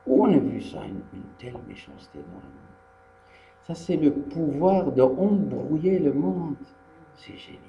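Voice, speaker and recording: Rabbi. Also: male voice, on the high side, a little slow, reverberant. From Tunisia. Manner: animated storyteller who acts out dialogue and repeats key phrases. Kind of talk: Torah lesson with storytelling. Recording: dull lo-fi archive recording with faint hum.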